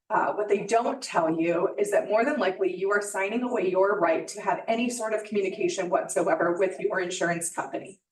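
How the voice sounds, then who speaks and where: An American woman speaking as a township spokesperson, giving an informal, plain-spoken public service advisory and explaining things step by step. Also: medium pitch. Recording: roomy, echoey, distant microphone.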